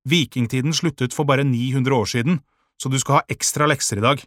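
A man's voice: mid-range voice, a bit bright, no room sound, studio quality, voice pushed up, natural voice. A man voicing a strict, authoritarian male schoolteacher in an audiobook, giving cold barked commands. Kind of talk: audiobook character voice.

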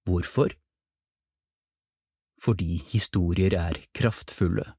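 A man reads a storybook aloud in a mellow, fairly low voice. He keeps stepping out of the tale for playful, chatty asides to the listener. The sound is close and dry. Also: breathy edge, dry recording. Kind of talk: storybook narration.

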